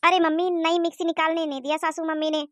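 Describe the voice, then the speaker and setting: A woman's voice: very high voice, level tone, fast, dry recording, clean studio sound. A woman voicing a young married daughter who explains and complains to her mother. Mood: complaining.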